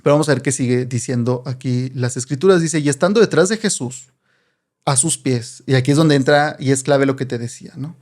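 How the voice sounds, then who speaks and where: A man with a Mexican accent explaining a Bible passage in a relaxed, conversational way, often tagging his sentences with rhetorical questions. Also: medium pitch, fairly quick. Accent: Mexican Spanish. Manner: chatty, asks rhetorical questions, frequent "¿no?". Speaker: Bible teacher.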